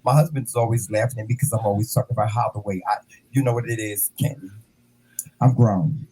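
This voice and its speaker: A man in his fifties hosting a casual interview, animated and playful, calling his guest "child" and "honey". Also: lowish voice, fairly quick, slightly rough, rough recording. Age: 50s. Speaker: host.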